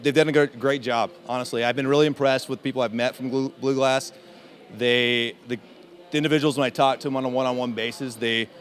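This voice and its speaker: A man talking as an interview guest in a casual conference chat, with many fillers and halting restarts. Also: mid-range voice. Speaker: interview guest, in-house SEO specialist.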